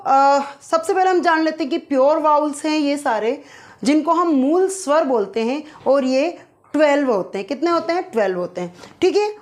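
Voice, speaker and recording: A woman with a high voice teaches phonetic symbols in a classroom style. She turns each point into a question, answers it herself and draws out vowel sounds slowly to show them. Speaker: English teacher. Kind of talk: explaining phonetic symbols to exam students.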